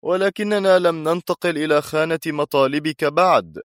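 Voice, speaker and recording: A man's voice: a little high, normal speed, dry recording, studio quality, voice pushed up, lightly acted. A male narrator voicing a nervous, irritable government minister who speaks tensely and hesitantly in an audiobook. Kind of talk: audiobook character voice.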